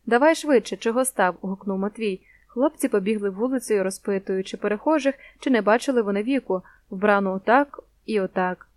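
A woman reading a young-adult novel aloud as an expressive, steady audiobook narrator on a close mic. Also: medium pitch, a little fast, dry recording.

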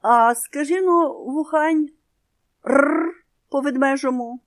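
A woman voicing a stern, impatient bear who runs a forest school in a children's story, speaking curtly and loudly. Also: high voice, takes it slowly, voice pushed up.

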